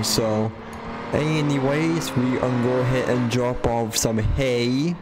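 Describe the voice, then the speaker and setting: A man's voice: medium pitch, background noise. A man casually narrating his live gameplay, rambling and describing each thing he does, sometimes slipping into a joking southern drawl. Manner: puts on a self-mocking southern drawl at times. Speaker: gamer streaming live. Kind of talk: casual live game commentary.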